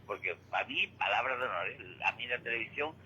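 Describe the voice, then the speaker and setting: Brisk and sharp, this older man's mid-range voice has lively intonation as he phones in to local radio as a guest caller. He's opinionated and emphatic, says the same things again, and wants listeners to agree, all heard through a dull line with faint noise.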